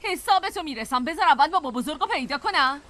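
A woman dubbing a worried, sharp-tongued young village woman who scolds urgently. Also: high-pitched, animated. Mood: angry. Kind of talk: dubbed TV drama.

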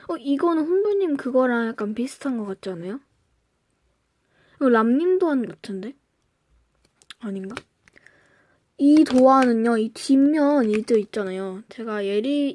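Excitable young woman unboxing, soft voice. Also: on the high side. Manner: excitable, gushing, often gasps and drops to a whisper. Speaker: fan vlogger reviewing merchandise. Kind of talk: casual unboxing chat.

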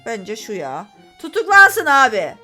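A woman doing let's-play commentary on a game, excitable and often exasperated, talking straight to her viewers. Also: a little high, unhurried, soft background music. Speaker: gaming YouTuber.

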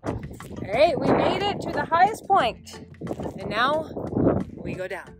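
A high-voiced young woman chats excitedly into a phone at arm's length on a mountain trail. Her pitch swings widely as she exclaims and laughs, and music plays behind her. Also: slow pace. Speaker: vlogger. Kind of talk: casual vlog chat. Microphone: phone held at arm's length.

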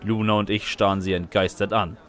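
A man speaks fairly quickly in a fairly low, natural voice with little pitch movement and a fairly bright tone. Playing the sarcastic student at the center of a scripted comedy, he narrates his chaotic life in first person as both narrator and lead, wry in mood and manner.

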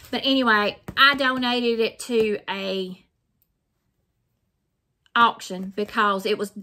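A woman's voice: mid-range voice, bright, forceful tone. A middle-aged woman with a Mississippi Southern accent, chatting casually in a folksy, rambling way as she shows craft purchases. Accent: Mississippi Southern American. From Mississippi, United States. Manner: folksy, rambling, repeats herself. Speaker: craft vlogger. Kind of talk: casual unboxing chat. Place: small plain room indoors. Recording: noisy room, crinkling plastic.

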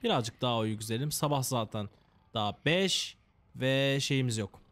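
A man of ordinary pitch talks through a game in a loose, joking way. He chats to the characters on screen and grumbles about his bad luck with playful overstatement. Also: animated, moderate pace, a bit bright. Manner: mock-dramatic complaining. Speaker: gameplay commentator. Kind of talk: casual let's-play commentary.

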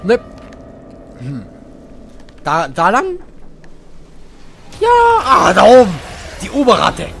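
High, gravelly, hammy gamer. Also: male voice, wildly swooping pitch, takes it slowly, long pauses, slight background noise. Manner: playful, hammy, mixes in English phrases, sudden shouts. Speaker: let's play gamer. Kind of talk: excited gameplay commentary.

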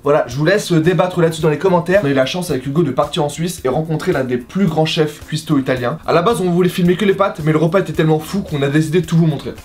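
A man's voice: a little high, racing, hardly any pauses, a little mellow. A man in his thirties hosting a casual food vlog, joking and teasing his cameraman. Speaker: food vlogger host.

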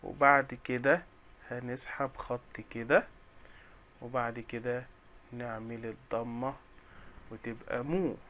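A man's voice: medium pitch, fairly even intonation, takes it slowly, long pauses, a bit bright, lo-fi sound. A man with an Egyptian Arabic accent teaching young children the alphabet, sounding out syllables one by one in a cheerful, coaxing way.

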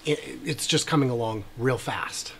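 At a moderate pace and medium pitch, a YouTube host in his forties delivers casual, wry asides over drone footage, frequently saying "uh." Faint background noise fills the small, brick-walled room he's in.

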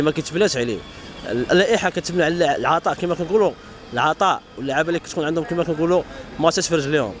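Moroccan guy ranting super fast on the street, high-ish voice, faint traffic noise. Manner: indignant, rapid, emphatic. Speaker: fan giving street opinion. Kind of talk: street vox pop interview.

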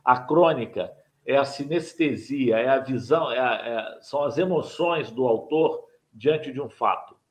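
A man's voice: mid-range voice, unhurried. An older man teaching writing in a live online mini-lesson, explaining his points step by step and repeating them, recorded through a webcam in a home study. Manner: didactic, repeats key points, asks viewers to like and subscribe.

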